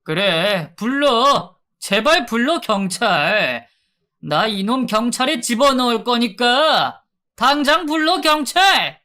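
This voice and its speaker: Thug debt collector, male, menacing and loud, put on by a woman narrator, bright crisp tone. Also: fairly low pitch, lively intonation, slow. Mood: shouting. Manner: threatening, yelling.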